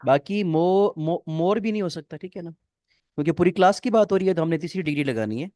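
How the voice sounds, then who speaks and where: A man's voice: high-pitched, lively intonation, brisk, dark tone, dry recording. Man teaching grammar, dry sound. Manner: explains step by step, checks often if students follow. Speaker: English teacher. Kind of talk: online class explanation.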